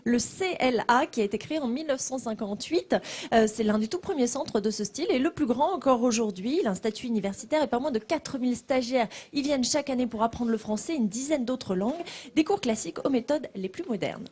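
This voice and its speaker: A woman reporting live from a city street for a TV news show, lively and chatty. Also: fairly high pitch, fast talker, breathy edge. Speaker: field reporter. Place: outdoors in a city center.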